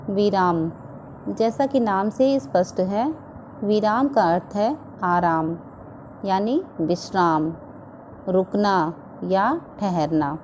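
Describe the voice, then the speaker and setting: A woman teaching a school grammar lesson, explaining slowly and deliberately and restating each term in simpler words. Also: mid-range voice, a little mellow, a little hiss or hum. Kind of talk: recorded Hindi grammar lesson.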